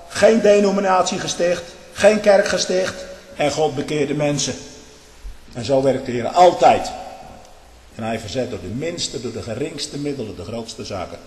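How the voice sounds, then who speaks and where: A fiery male preacher delivers an impassioned, sermon-style monologue in an echoey hall with long reverb. He's emphatic, swinging between loud outbursts and low muttering.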